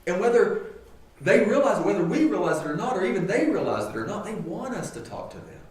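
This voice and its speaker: A man's voice: high-pitched, big pitch swings, quick pace, darkish tone. A man preaching a sermon as pastor, talking to his congregation in an earnest, conversational way full of rhetorical questions. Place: church sanctuary. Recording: echoey church hall, mic at a distance.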